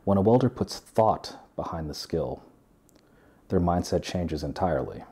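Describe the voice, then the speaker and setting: Deep, husky-voiced man narrating an essay. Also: animated, moderate pace, mellow. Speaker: welder and video essayist. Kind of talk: scripted narration. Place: living room with a sofa.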